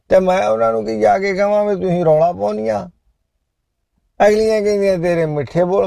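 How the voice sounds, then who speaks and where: The clip sounds like a casual live chat between songs, where a middle-aged male host addresses his audience loudly and at length, alternately joking and preaching. His deeply gravelly, heavily fried voice comes across dark and mellow in a close, dry recording.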